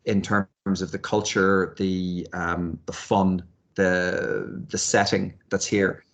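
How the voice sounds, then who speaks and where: Thoughtful of man, lowish voice. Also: little pitch movement, takes it slowly, fairly bright tone. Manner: thoughtful, hesitant, repeats words as he forms ideas. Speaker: university lecturer and researcher, interviewee. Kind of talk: conversational interview answers.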